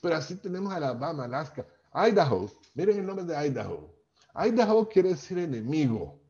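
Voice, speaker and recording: A man's voice: on the high side, sing-song, a little fast, warm tone. A man with a Venezuelan accent from Maracaibo, a linguistics professor giving a chatty lecture over a video call, often checking in with "¿ok?". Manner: chatty, tags lines with "¿ok?". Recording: dull, lo-fi video call audio.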